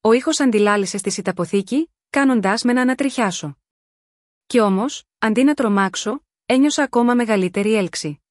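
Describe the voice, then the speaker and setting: In this dry, close-miked clip, a woman narrates a first-person love story with steady, sensual restraint. Her somewhat high voice follows a calm script, much like an audiobook. No room sound surrounds her.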